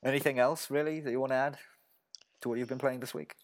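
A young man co-hosting a casual podcast about games. He talks in a loose, excitable way, laughs often and says "like" a lot. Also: mid-range voice, fast talker. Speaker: podcast co-host. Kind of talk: casual gaming chat.

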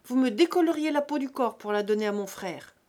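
A woman voicing a furious, jealous young male peasant who shouts and rants. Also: on the high side, animated, a little fast, pitched above the performer's own voice, lightly acted. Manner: shouting, ranting.

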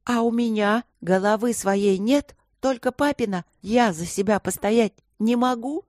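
A woman's voice: mid-range voice, normal speed, a little mellow, dry recording, studio quality, pitched above the performer's own voice, lightly acted. A woman voicing a hot-tempered young noblewoman who talks in an indignant, heated way.

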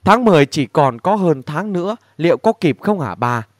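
A man's voice: fairly high pitch, big pitch swings, normal speed, no echo, studio quality. Blunt, irritable storybook father, voiced by a male reader. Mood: gruff. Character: gruff middle-aged father, irritable.

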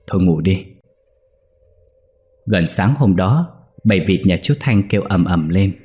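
A man narrating a ghost story in a steady, suspenseful scripted read. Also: deep voice, normal speed, slightly rough. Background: faint music.

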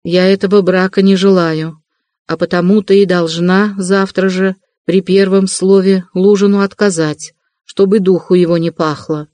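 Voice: medium pitch, level tone, moderate pace, darkish tone, no echo, lightly acted. Raskolnikov, a reader voicing a feverish, irritable young man. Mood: irritable insistent. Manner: irritable, insistent.

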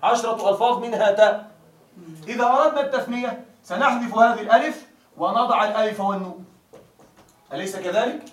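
A male grammar teacher with a high voice lectures a class. He drags out each example word and keeps checking that the students follow, heard from a distance in an echoing room. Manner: keeps asking students if it is clear; drawls example words slowly. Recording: echoey room, mic far off.

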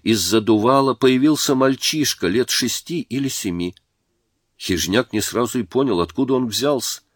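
A man reading a war story aloud as narrator, in a measured and dramatic way. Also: mid-range voice, dry recording, clean studio sound.

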